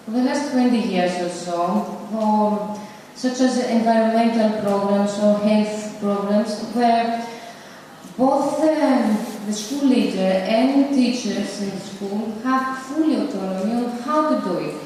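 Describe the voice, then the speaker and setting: A woman from Greece, speaking at a conference in an unhurried, thoughtful way. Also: on the high side, darkish tone, a little hiss or hum. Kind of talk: panel statement. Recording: echoey hall from far off.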